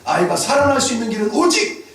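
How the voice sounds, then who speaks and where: A man with a high voice preaches a Sunday sermon with emphatic rises and sudden shouts. His voice rings through a very echoey hall. It is picked up from a distance. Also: very animated, fast. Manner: emphatic preaching, rising to shouts at key lines. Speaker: pastor. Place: church sanctuary. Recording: very echoey church hall, voice from afar.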